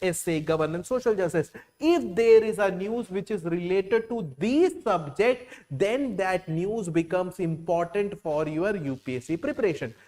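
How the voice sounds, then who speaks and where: With a high, darkish voice, a Kerala man lectures a class as an exam coaching teacher, speaking Keralite Indian English. His speech is full of repeated phrases and frequent "uh" and "like" fillers.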